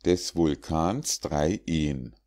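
A man narrates an audiobook of rhymed fables in a deep, low voice with a darkish tone. He reads slowly and deliberately, giving the verses a measured, declamatory cadence.

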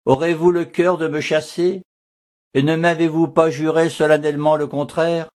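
A man's voice: on the high side, level tone, normal speed, darkish tone, natural voice. A man reading a reproachful young woman disguised as a novice in an audiobook. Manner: pleading, reproachful.

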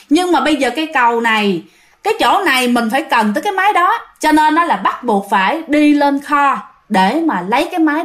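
A woman with a Southern Vietnamese accent telling a ghost story in a chatty way, speaking straight to her listeners. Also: high-pitched. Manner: chatty, addresses listeners directly.

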